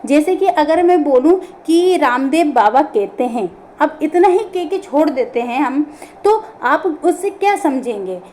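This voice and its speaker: A woman's voice: sits high, lively intonation, measured pace, darkish tone, a little hiss or hum. A woman teaching an online grammar class, explaining step by step and answering her own questions.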